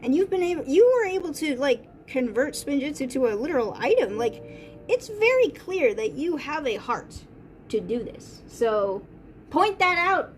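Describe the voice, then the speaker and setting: A woman's voice: high-pitched, very animated, moderate pace, slight background noise, voice pushed up. A woman casually speaking the lines of an earnest young male ninja hero, in a chatty paraphrasing way.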